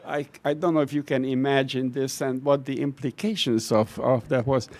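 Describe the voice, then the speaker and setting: At a lecture event, an older man from Hungary who is retiring from his professorship recalls his life in wry, self-deprecating tales. His Hungarian-accented voice is medium in pitch and darkish, with fairly even intonation at a normal speed.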